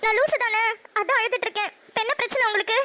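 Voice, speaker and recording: A woman's voice: very high-pitched, fairly even intonation, a little fast, bright, forceful tone. A woman voicing a hurt, sulky young wife in a cartoon who talks back petulantly. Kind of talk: cartoon voice acting.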